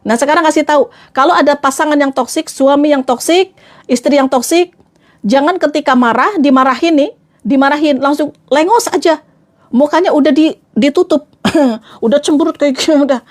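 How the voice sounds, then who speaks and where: A woman's voice: sits high, a little fast. A woman trainer giving a playful, chatty motivational talk to a live audience, acting out little scenes as she goes.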